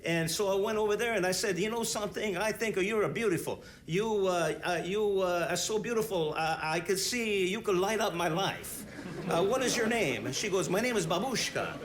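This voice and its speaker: An actor playing a chatty Italian bandleader who rambles with many fillers and halting restarts, in an Italian accent. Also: male voice, high voice, slight background noise, lightly acted. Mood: rambling. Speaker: band leader.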